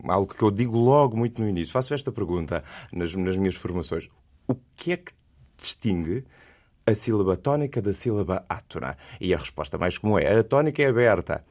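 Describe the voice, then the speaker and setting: Deep-voiced Portuguese man explaining. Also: expressive, a little fast, darkish tone. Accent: European Portuguese. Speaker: guest, speech and prosody trainer. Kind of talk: explanatory interview talk.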